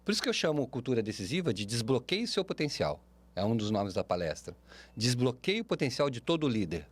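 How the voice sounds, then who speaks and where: A Brazilian man speaking as a podcast guest, animated and expressive, often ending points with tag questions. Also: medium pitch, fairly quick. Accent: Brazilian Portuguese. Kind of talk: podcast interview.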